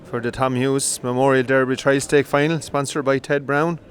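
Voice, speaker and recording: Out on a field, a man at medium pitch provides live commentary for greyhound coursing as race commentator. He speaks briskly, growing more excited while the dogs are running.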